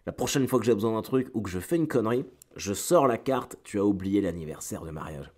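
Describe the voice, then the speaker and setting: Talking fairly quickly and with animation, a middle-aged stand-up comic hosts his solo weekly podcast in a fairly low, darkish voice, his nose a little stuffed up from a cold. The chat is informal and slangy, full of asides, repeated words and searches for phrasing.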